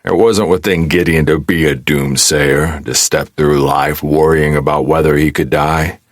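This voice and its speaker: A man narrating a post-apocalyptic fantasy audiobook in a steady, wry storytelling manner. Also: very deep voice, a little slow, no echo, clean studio sound. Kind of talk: scripted narration.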